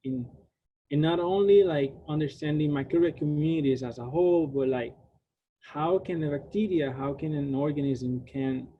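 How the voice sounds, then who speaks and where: Over a video call, a young Puerto Rican grad student whose native tongue is Spanish delivers an online science talk, stumbling through many fillers and restarts. He speaks at normal speed in a higher register, and the phone-quality sound carries a slight hiss or hum.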